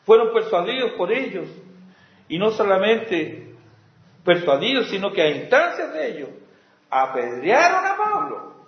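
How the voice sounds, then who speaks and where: A male pastor preaching with passion, swinging from loud exclamations to hushed asides. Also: high-pitched, big pitch swings, a little slow, long pauses. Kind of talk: sermon. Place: church sanctuary. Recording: echoey, dull lo-fi church recording.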